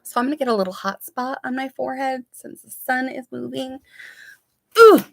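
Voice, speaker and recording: A woman reading viewer comments aloud on a casual live stream from her room at home, answering each one warmly and softly. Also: sits high, moderate pace, gravelly, dry recording. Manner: warm, chatty, reads comments aloud and responds softly. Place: home room with curtains and sunlight.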